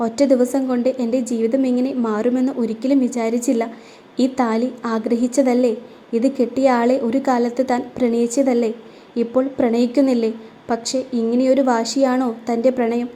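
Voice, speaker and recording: A wounded young bride in a storybook romance, defiant and steadily bitter, as a woman narrator reads her part. The voice sits a little high and mellow, with little rise and fall. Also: flat delivery, moderate pace, slight background noise, close to an everyday voice. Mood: sorrowful.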